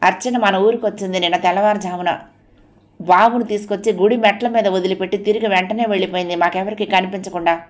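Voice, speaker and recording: Woman reading as a grave older father in an audio novel, measured, probing. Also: medium pitch, steady tone, lightly acted.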